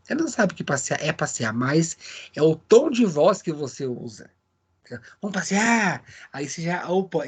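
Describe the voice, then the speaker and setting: A man's voice: a little high, darkish tone, husky. A man teaching a live online class, speaking conversationally and checking in with his students by name over a video call.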